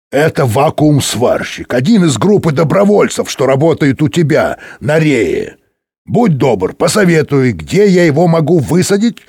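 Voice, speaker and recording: A man voicing a self-important general inspector who gives radio orders in an authoritative, pausing manner. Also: fairly high pitch, gravelly, darkish tone, slightly rough, no echo, studio quality, pitched above the performer's own voice, heavily acted.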